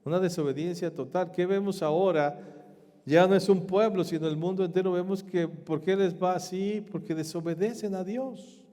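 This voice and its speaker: A man preaching a sermon as pastor, emphatic, with rhetorical questions and swings between loud and soft. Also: a little high, in a large hall.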